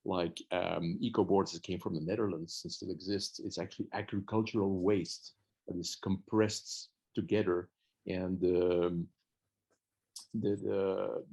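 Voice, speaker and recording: A man's voice: deep voice, gravelly, a little mellow. A man from Belgium, a consultant, giving an earnest online talk as guest speaker over a video call, often restarting his sentences. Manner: earnest, with frequent restarts and fillers. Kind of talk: webinar presentation.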